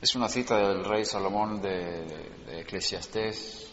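A man's voice: deep voice, measured pace, a bit bright, a little hiss or hum. A man teaching a religious class, explaining and putting rhetorical questions to his students. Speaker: Torah teacher. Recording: dull lo-fi recording in an echoey hall.

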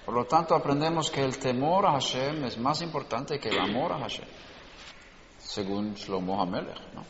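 A man's voice: medium pitch, normal speed, background noise. Man teaching a class. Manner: explanatory, asks the class rhetorical questions. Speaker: Torah teacher. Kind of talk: religious class. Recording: dull lo-fi recording in an echoey hall.

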